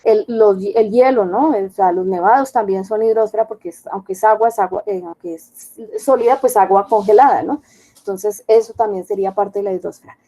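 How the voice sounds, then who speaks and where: A woman's voice: medium pitch, a little fast, mellow, poor audio. A woman teaching an online class, explaining step by step and often checking with her students. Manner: explanatory, checks understanding with questions.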